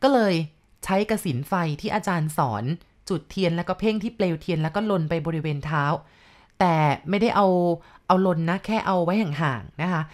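Low-voiced woman telling a ghost story. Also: normal speed, a little mellow. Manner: chatty, adds explanatory asides and polite particles. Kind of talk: casual spoken retelling of a ghost story.

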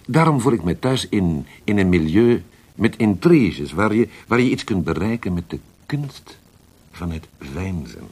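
In a radio drama, a male actor voices a worldly, scheming Italian poet, using an Italian accent, a low, gravelly, husky tone that leans dark, and a theatrical, halting delivery peppered with Italian words. His pitch swings widely in this full character voice, and he sounds expansive and proud.

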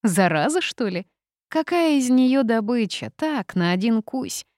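A woman's voice: fairly high pitch, sing-song, measured pace, darkish tone, dry recording, studio quality, pitched above the performer's own voice. A woman voicing a cheeky, grumbling female harpy who teases, in an audiobook. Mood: teasing. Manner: cheeky, teasing.

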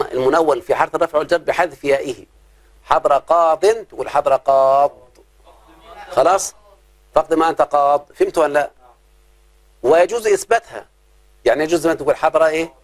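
Man, Egyptian accent, grammar teacher, classroom lesson, drawn-out examples, higher-pitched.

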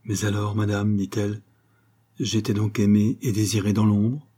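A man's voice: on the low side, level tone, moderate pace, mellow, slightly rough. A man reading an audiobook, voicing a proud, haughty young aristocratic woman who speaks in indignant outbursts.

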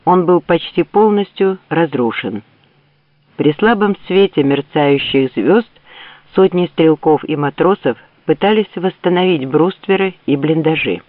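A man narrating an audiobook in a steady, expressive reading. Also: on the high side, measured pace, no room sound. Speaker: audiobook reader. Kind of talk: scripted narration. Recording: tinny phone-like dry audio.

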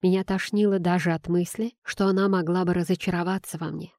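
A woman reading a novel aloud in first person, in an even storytelling manner. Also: lowish voice, brisk, no echo, studio quality. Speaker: audiobook narrator.

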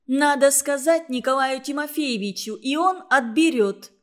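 A woman voicing a fussy, self-righteous young girl in a shrill, whiny, insistent voice. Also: measured pace. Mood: shrill indignant.

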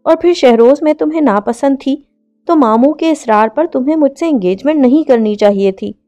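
A woman's voice: high voice, normal speed, warm tone, soft background music, lightly acted. A woman voicing a slight young woman who is hurt and pleading in a read-aloud story. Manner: pleading, wounded.

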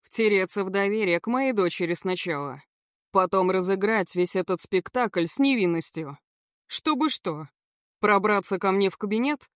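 A woman's voice: mid-range voice, normal speed, no room sound, lightly acted. A furious male gangster growls threats through clenched teeth, as a woman narrator puts him on. His voice is cold and dead-sounding, and he is full of contempt. The recording is dry and close, like an audiobook.

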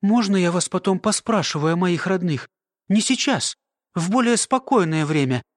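An earnest young woman presses with eager, questioning words, as a man reads her. The voice is high-set and dry, close to the mic, in an audiobook. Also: normal speed, dry recording, natural voice.

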